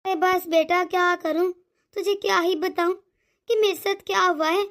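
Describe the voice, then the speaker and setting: Brief: woman doing a fussing cartoon mother-in-law, older, soft and coaxing, very high pitch. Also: fairly even intonation, normal speed. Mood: complaining. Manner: soft-spoken, worried, coaxing. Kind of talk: animated cartoon voice acting.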